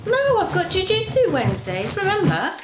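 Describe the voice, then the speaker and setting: A woman's voice: very high-pitched, wildly swooping pitch, moderate pace, heavily acted. An actress playing a matter-of-fact, self-assured woman who teaches jiu-jitsu. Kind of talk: sitcom acting. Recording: echoey room with background noise.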